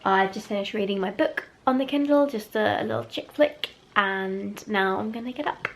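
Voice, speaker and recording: A woman's voice: medium pitch, normal speed, gravelly, poor audio. Young woman, casual handheld home vlog, meandering and self-correcting. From England. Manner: chatty, rambling, self-correcting. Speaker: vlogger. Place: home and garden.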